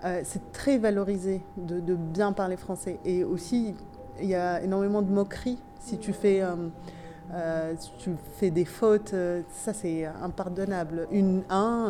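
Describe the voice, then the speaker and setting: Answering interview questions in French, a Tunisian woman whose native tongue is Tunisian Arabic speaks thoughtfully and tentatively, often pausing and beginning again. Her lowish, mellow voice has fairly even intonation, a light accent, and a slight nasal quality, with a faint hiss or hum.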